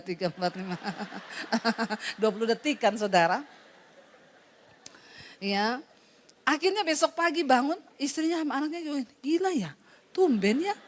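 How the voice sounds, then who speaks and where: A woman pastor delivers a sermon in a high, bright-pitched voice. She tells her stories with energy, acting out the people in them and laughing often as she speaks to the congregation. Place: church service.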